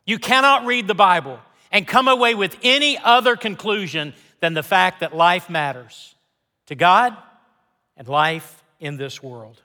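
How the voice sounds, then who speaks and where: Guy preaching a sermon in a big echoey church, high voice, super dramatic pauses, goes from hushed to loud. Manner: emphatic, dramatic delivery with deliberate pauses and repeated key phrases; swings between hushed asides and loud declarations. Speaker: pastor preaching to a congregation. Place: large church sanctuary. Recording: reverberant large hall sound.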